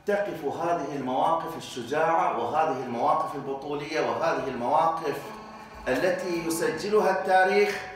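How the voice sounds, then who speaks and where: A man's voice: a little high, a bit bright. A man delivering an impassioned political speech at a solidarity rally, his emphasis rising and falling, recorded from a distance in a large echoing venue. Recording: heavy echo, distant mic, faint noise.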